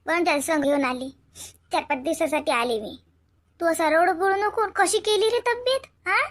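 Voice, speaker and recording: A woman voicing a caring adult sister in an animated comedy, chattering and fussing with a Varhadi Marathi accent. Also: extremely high pitch, moderate pace.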